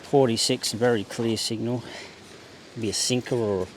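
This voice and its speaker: The recording is rough, with clear outdoor background noise, as a metal detecting vlogger searches a beach. His mid-range voice is steady and measured, and his casual, understated commentary is half spoken to himself.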